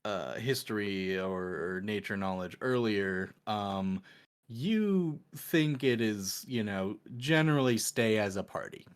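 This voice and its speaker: Slow, low-voiced male game master. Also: animated, clean tone. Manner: hesitant, many fillers and restarts. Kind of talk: narrating a tabletop game.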